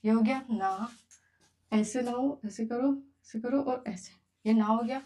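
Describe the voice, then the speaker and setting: A woman's voice: fairly high pitch, measured pace, dark tone. A woman teaching beginners to write, patiently counting each stroke aloud as she goes. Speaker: Japanese teacher. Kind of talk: beginner writing lesson.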